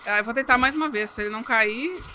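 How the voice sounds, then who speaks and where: A young woman streamer talks over a live game. Her voice is slightly high and bright. She is jumpy, full of exclamations, and swears at the enemies on screen. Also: fast talker, a little hiss or hum. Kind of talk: live gameplay commentary.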